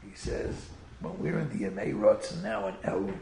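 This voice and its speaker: A man with a Yiddish-inflected American accent gives an informal sermon as a rabbi, telling stories in an animated way and sprinkling in Hebrew and Yiddish words. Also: fairly low pitch, normal speed, creaky, reverberant, a little hiss or hum. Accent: Yiddish-inflected American English. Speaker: rabbi giving a Torah talk.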